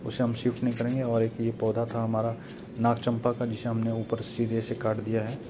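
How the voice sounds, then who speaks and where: Young male gardening vlogger, plain even delivery, casual narration, outdoor birds behind. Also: medium pitch, brisk, noisy background. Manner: addresses viewers as friends, steady explanatory tone. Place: rooftop terrace garden outdoors.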